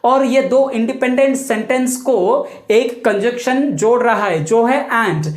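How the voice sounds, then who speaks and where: In a video lesson, a woman teaches English grammar, reading the English definitions slowly and then explaining quickly in Hindi. Her voice is a little high, and the room sounds echoey.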